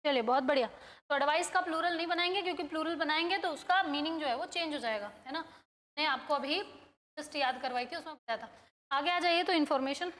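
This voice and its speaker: A woman with a Hindi accent teaching an English grammar lesson, drilling word lists and quizzing her students in a brisk, coaxing way. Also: high voice, fairly bright tone, big-room sound. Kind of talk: classroom-style grammar lesson. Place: coaching institute in India.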